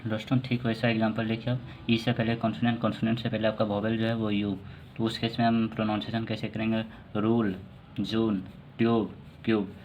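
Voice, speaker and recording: A man teaching English pronunciation in a calm online lesson, explaining rules and spelling out example words slowly. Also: fairly low pitch, muffled recording, slight background noise.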